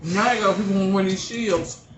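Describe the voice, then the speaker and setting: A middle-aged mother hosts a casual eating chat on her channel with her daughters, joking bluntly and speaking her mind. Her voice is mid-range at a moderate pace, recorded in an echoey room with steady background noise.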